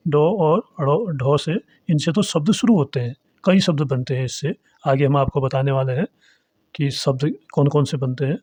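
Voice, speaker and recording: A man teaching Hindi pronunciation, speaking slowly and deliberately and repeating example words one at a time. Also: on the high side, warm tone, no echo. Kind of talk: pronunciation lesson. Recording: dull, dry, lo-fi recording.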